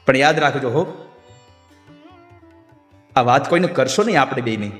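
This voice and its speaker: A man voicing the god Krishna as a calm, gentle male figure who speaks softly and soothingly. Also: normal speed, soft background music, lightly acted. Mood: tender. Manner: soft, low and soothing. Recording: echoey hall with faint sitar.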